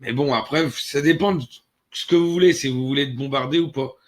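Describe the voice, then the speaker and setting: A man's voice: mid-range voice, a little fast. A man hosting an online tutorial channel, speaking casually and directly to the viewer, with frequent hesitations and restarts as he walks through a website. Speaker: channel host. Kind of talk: casual screen-recorded tutorial.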